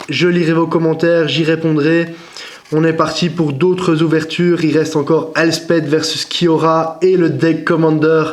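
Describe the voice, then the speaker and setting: A man's voice: fairly high pitch, flat delivery, measured pace. A young man chatting casually as he opens and rates cards, hesitant, with frequent fillers and apologies. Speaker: card-opening vlogger. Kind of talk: casual unboxing commentary.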